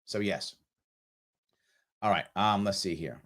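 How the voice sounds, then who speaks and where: This livestream host is a middle-aged man from the South Bronx in New York City, fielding viewer questions during a live ask-me-anything session. He speaks slowly in a low voice with a fairly bright tone, reading comments aloud and replying offhand with fillers.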